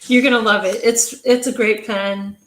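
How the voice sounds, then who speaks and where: A woman's voice: a little high, steady tone, moderate pace. A woman co-hosting a casual live stream over a video call, friendly and chatty, who laughs easily. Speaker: co-host. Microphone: video call setup.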